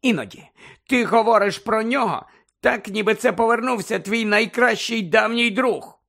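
A man voicing a worried, strict middle-aged mother who nearly shouts in her arguments. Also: normal speed, vocal fry. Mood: agitated. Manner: shrill, pleading, nearly shouting.

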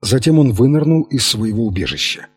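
Husky-voiced male audiobook narrator. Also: medium pitch, animated, fairly quick, darkish tone. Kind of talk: scripted narration.

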